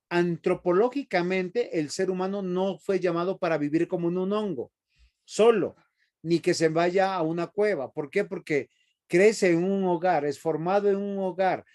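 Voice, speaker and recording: A man's voice: high voice, darkish tone. A man teaching a seminary Bible class, emphatic and often asking the class rhetorical questions.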